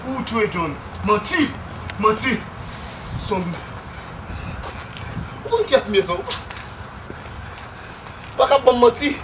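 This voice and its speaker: A man's voice: sits high, expressive, slow pace, long pauses. An actor playing an angry young man who rants and swears in a film drama. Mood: agitated. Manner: agitated, ranting, swearing. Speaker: character in a film. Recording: distant mic, clear background noise.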